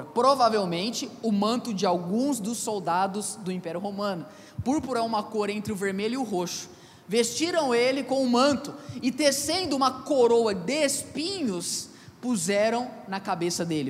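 A man preaching a sermon as pastor, mixing scripture reading with casual personal stories. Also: high-pitched. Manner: conversational preaching with personal anecdotes. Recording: echoey hall, faint ambience.

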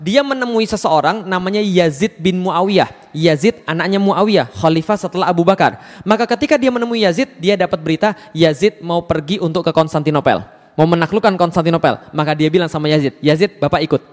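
A man giving a lively religious lecture who keeps asking the audience questions. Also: sits high, a little fast, in a large hall. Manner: animated, asks the audience many questions. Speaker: Islamic preacher.

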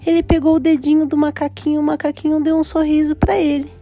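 A woman narrating a children's story in an animated, drawn-out sing-song way. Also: high voice, faint music behind.

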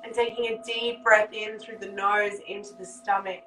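A woman leading a guided meditation, speaking in a slow, soothing way with long pauses between words. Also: medium pitch, flat delivery, pushed and bright, faint music behind. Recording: echoey room, mic at a distance, faint hum.

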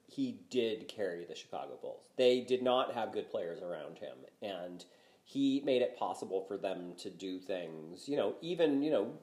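A man's voice: mid-range voice, darkish tone. An older man co-hosting a podcast, chatting casually about basketball with lots of "you know" and restarts. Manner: rambling, many fillers and restarts. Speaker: podcast co-host. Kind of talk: casual sports talk. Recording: roomy echo.

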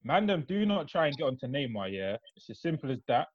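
A man's voice: medium pitch, big pitch swings, quick pace, muffled recording, over a noisy crowd. A young man with an urban London roadman accent, arguing in slangy, insistent, repetitive bursts in casual football banter. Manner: slangy, argumentative, insistent, repeats phrases.

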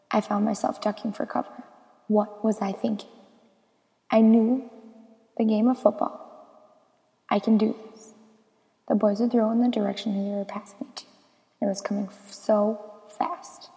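A young woman narrating a scripted personal story in an expressive, storytelling way. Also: mid-range voice, creaky, in a large hall, poor audio. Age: young adult.

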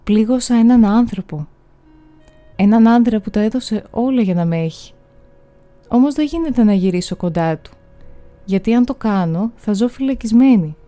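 A woman's voice: fairly high pitch, mellow, close to an everyday voice. A woman voicing a sorrowful seal-woman mother.

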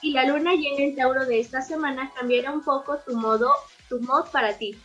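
A woman reading the weekly horoscopes on a radio show, in a steady and lightly informal way, over a remote line. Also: sits high, fairly quick, dull audio, soft background music. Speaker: horoscope reader.

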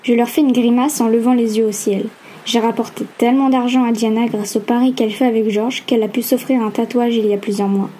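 A woman narrating a first-person novel aloud in an even, steady reading. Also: fairly high pitch, fairly quick, breathy edge. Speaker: audiobook narrator.

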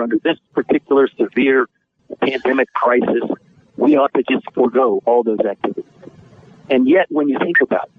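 A man, an attorney, talking as a guest in a radio interview over the phone, in an earnest, measured way with filler pauses. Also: mid-range voice, breathy edge. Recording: tinny dry phone line.

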